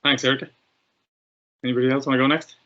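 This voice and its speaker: A man's voice: mid-range voice, level tone, fast, a bit bright. An Irish man hosting an online information call, chatty and often restarting his sentences. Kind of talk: casual chat. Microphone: video call. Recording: muffled video-call audio.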